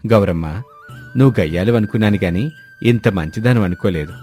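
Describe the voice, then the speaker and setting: A man's voice: fairly low pitch, a little fast, darkish tone, soft background music, lightly acted. Storybook role: idle village wisecracker, teasing and light, a man doing him. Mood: playful. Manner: teasing and playful. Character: lazy, joking village man.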